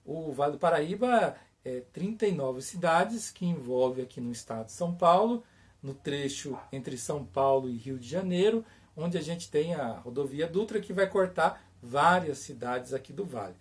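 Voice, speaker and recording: A man's voice: fairly high pitch, animated, normal speed. A Brazilian man, a storyteller, speaking informally and directly to viewers in a conversational, repetitive way with check-in questions. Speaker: writer and storyteller. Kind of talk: informal presentation to camera, addressing viewers directly.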